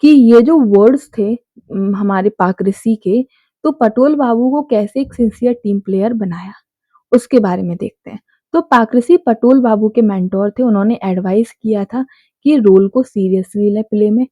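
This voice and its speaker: A woman explaining an English chapter line by line, reading each line slowly and then explaining it in casual Hindi. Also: mid-range voice, no echo, phone-quality sound.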